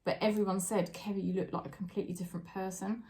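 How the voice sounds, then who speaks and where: A woman talks straight to camera through a daily tarot reading. She is chatty and heartfelt, with an everyday voice of middle pitch. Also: flat delivery, quick pace. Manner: chatty and warm-hearted, tearful and laughing at times. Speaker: tarot reader.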